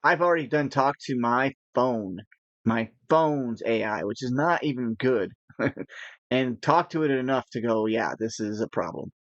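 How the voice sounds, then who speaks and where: A man chatting casually while gaming, rambling with nervous laughs and animated asides. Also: medium pitch, a little slow, no echo, highs cut off. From United States. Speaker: gaming podcast co-host.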